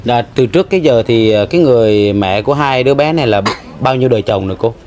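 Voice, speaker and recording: A man's voice: mid-range voice, animated, fast, a little mellow, a little hiss or hum. A man interviewing a villager for a charity vlog, polite and probing, sometimes stumbling over his words.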